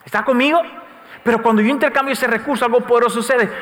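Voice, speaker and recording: A middle-aged man preaching a sermon as pastor. He tells stories, swells to loud calls and drops to soft asides. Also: extremely high pitch, fairly even intonation, fast. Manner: preaching with sudden rises and soft dips, storytelling asides. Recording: echoey hall, faint room noise.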